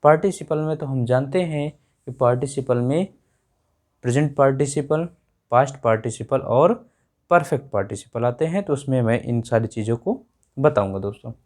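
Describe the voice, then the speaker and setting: A man teaching English works through grammar in a classroom lesson, repeating each point back to students as a question. His medium-pitched voice is a little mellow, and he keeps a moderate pace.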